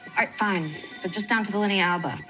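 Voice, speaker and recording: An actress playing a wry, brisk woman surgeon. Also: mid-range voice, music in the background, natural voice, rough recording. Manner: brisk, dry humor. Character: wry, confident female trauma surgeon. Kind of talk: TV drama acting.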